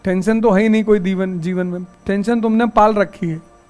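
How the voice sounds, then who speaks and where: A man's voice: high voice, steady tone, moderate pace, darkish tone, faint music behind. A man teaching a class, giving a motivational lecture full of stories and rhetorical questions, firm when he lays down rules. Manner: storytelling, wry, with rhetorical questions.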